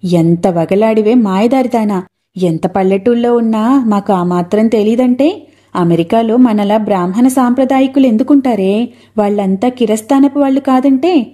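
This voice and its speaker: A sharp-tongued village woman, mocking and preachy, as a woman reader puts her on. The tone is mellow and a touch high. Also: moderate pace, natural voice.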